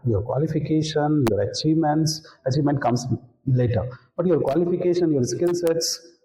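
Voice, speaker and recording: With an Indian accent and a warm voice on the high side, a man presents an instructional talk as an interview coach. He's didactic, repeating key points to drive them home, and the recording has the echo of a roomy space.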